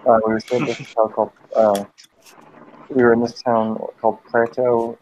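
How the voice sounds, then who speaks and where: A man's voice: mid-range voice, little pitch movement, normal speed, darkish tone, slight background noise. A man telling a long, rambling, profane story in a casual group voice chat, breaking off now and then to snap at friends who interrupt him. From United States. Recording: dull lo-fi voice chat audio.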